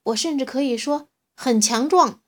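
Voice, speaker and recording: A woman voicing a timid but brave young male dinosaur in a storybook reading, shouting and stammering, with a slightly husky voice. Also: high-pitched, moderate pace, pitched above the performer's own voice. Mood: defiant.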